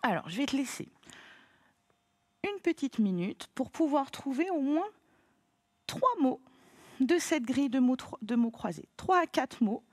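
A woman teaching a phonics lesson to children, patient and encouraging, spelling out sounds slowly. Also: high-pitched, sing-song, darkish tone, no room sound, clean studio sound.

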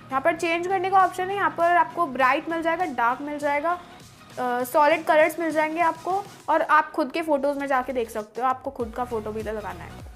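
Young woman w/ a super high voice doing a phone tutorial, chatty and friendly, bit of music in the back. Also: brisk, a bit bright. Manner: friendly, addresses viewers as friends. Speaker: tech video host.

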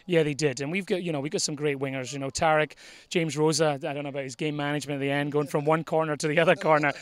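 A man's voice: a little high, fairly even intonation, quick pace, smooth. A man in his forties, a head soccer coach, giving an earnest postgame interview on a floodlit field at night, often repeating words as he starts sentences. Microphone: handheld interviewer mic.

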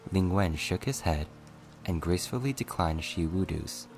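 Deep-voiced man reading softly. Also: normal speed, music in the background. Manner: calm, even narration. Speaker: audiobook reader. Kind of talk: soft ASMR story reading.

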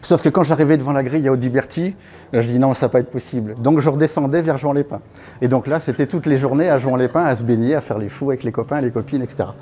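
Man in his fifties, mellow dark voice, casual anecdotal talk, small meeting room. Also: mid-range voice, fast. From born in Congo, raised in Africa, French parents. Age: 50s. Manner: casual, anecdotal, many fillers and restarts, moves and gestures while talking. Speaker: guest speaker at a networking evening. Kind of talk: personal storytelling talk.

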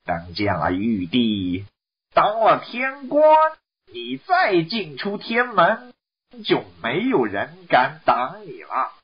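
A man's voice: a little high, wildly swooping pitch, slow, full character voice. A man voicing a polite, soothing old male immortal envoy in a read-aloud storybook. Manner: coaxing, courteous. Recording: dull lo-fi recording.

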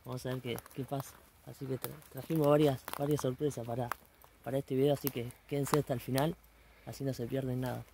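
A man with an Argentine accent chats casually as a vlog co-host. His timbre is mellow and relaxed, recorded outdoors at night with faint background noise. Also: medium pitch, a little fast, creaky.

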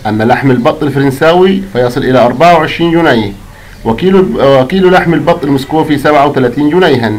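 A man with an Egyptian accent, hosting his channel and briskly reading out a long report of market prices, list after list of numbers. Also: medium pitch, a little hiss or hum, poor audio. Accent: Egyptian Arabic. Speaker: channel host.

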